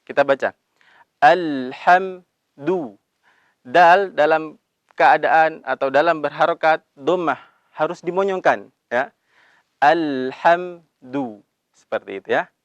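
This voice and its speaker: Indonesian guy teaching quran reading, pitch a bit high, slow chanted bits between quick explaining, dry sound. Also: dry recording, lo-fi sound. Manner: slow drawn-out recitation of verses between brisk explanations; calls himself Abi, patient instructive tone. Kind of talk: recitation lesson with chanted examples.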